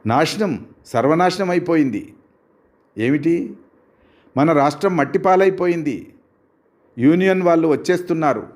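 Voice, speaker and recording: A man's voice: a little high, lively intonation, moderate pace, pauses often, darkish tone, pitched above the performer's own voice, natural voice. A man reading as a distraught fleeing friend. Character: distraught hungry male friend fleeing at night.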